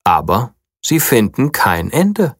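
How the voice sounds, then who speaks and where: A narrator reading a children's story aloud with a lively, storytelling delivery. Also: medium pitch, takes it slowly, slightly rough, dry recording, clean studio sound. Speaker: audiobook narrator.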